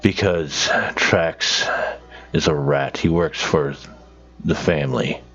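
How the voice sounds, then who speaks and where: A man playing in a tabletop game, talking in an animated, laughing way. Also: extremely low pitch, takes it slowly, soft background music. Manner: laughing, animated player talk. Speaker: player. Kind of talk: casual tabletop game chat. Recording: dull lo-fi mic.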